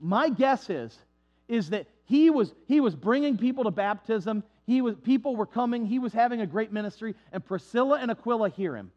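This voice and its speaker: A male pastor with a notably high voice preaching a storytelling sermon. He is animated and conversational, throwing in casual asides to the congregation. The recording is dull and lo-fi. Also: fairly quick. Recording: dull lo-fi sound.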